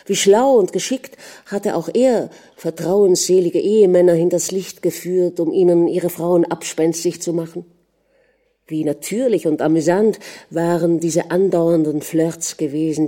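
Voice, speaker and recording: A woman narrating a literary audiobook in a measured, dramatic manner. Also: lowish voice, warm tone.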